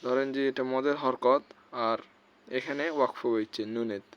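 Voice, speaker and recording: A man teaching Quran recitation rules step by step, often checking "okay?" and slowly drawing out recited syllables. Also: medium pitch, steady tone, clear, resonant tone. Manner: explains step by step, often checks with "ঠিক আছে?". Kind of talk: explanatory lesson. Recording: slightly dull lo-fi sound.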